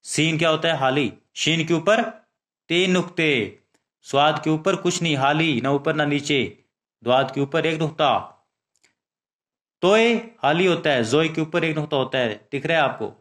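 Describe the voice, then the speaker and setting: A man teaching young children the alphabet, reciting letters slowly and often checking that they understand. He speaks Urdu with a Pakistani accent. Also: fairly high pitch, fairly bright tone. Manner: slow, drawn-out recitation with frequent check questions.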